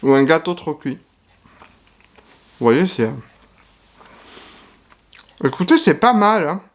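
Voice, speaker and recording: A man's voice: a little high, big pitch swings, slow. A man giving casual food-tasting commentary to camera, chatty and frank, sometimes talking while chewing. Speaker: YouTuber tasting foreign food.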